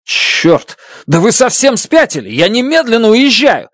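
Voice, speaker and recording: A reader voicing a frightened male scientist who shouts and pleads in an audiobook. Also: medium pitch, very animated, a little slow, no echo, clean studio sound, pitched above the performer's own voice. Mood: protesting. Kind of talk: audiobook character voice.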